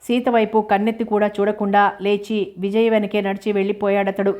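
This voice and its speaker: Flat-voiced woman reading a novel aloud. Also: mid-range voice, fairly quick. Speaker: audiobook narrator.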